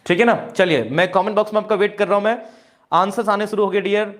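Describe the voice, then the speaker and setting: A man's voice: high-pitched, fast talker. A man teaching English in Hindi during a live online class, who keeps calling viewers "dear" and repeats each point. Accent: Indian. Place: classroom with a board.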